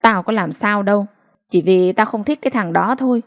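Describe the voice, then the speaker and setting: A woman's voice: medium pitch, fairly quick, lightly acted. A woman voicing a blunt, stubborn older mother who dismisses her daughter firmly, in an audiobook reading. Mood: stubborn scolding. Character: stubborn bossy old mother, blunt and domineering.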